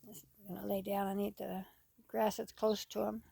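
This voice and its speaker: Out on the farm among the poultry, this vlogger gives loose, unscripted narration while filming animals. Her mid-range voice is creaky and warm, her delivery flat and at normal speed, and she rambles folksily and repeats herself. There is slight hiss or hum.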